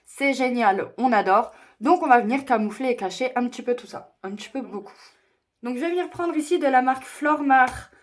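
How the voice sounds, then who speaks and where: Brisk and high-pitched, the young beauty vlogger moves through her makeup tutorial. She explains every step while joking at her own expense.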